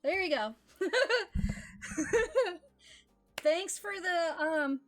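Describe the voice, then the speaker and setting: A woman's voice: sits high, takes it slowly, a bit bright, faint music behind. A young woman streaming a book reading, giggly and chatty between passages.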